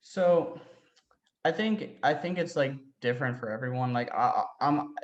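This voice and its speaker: A man's voice: mid-range voice, normal speed, muffled recording. Young man rambling with roomy echo. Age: young adult. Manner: rambling, heavy use of "like" fillers. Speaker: interview guest. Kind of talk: casual interview talk.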